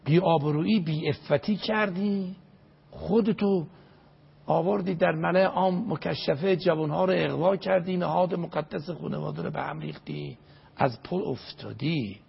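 An older man speaks as a religious scholar, preaching emphatically and reciting verses. His voice is gravelly and very husky. The recording sounds dull and lo-fi. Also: on the high side. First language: Azerbaijani. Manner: emphatic, recites Arabic verses, repeats phrases for stress. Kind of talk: religious lecture in an interview.

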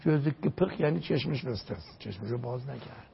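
Gravelly older man, emphatic preaching. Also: mid-range voice, animated, a little hiss or hum. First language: Azerbaijani. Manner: emphatic, recites Arabic verses, repeats phrases for stress. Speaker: religious scholar. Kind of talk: religious lecture in an interview. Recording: dull lo-fi recording.

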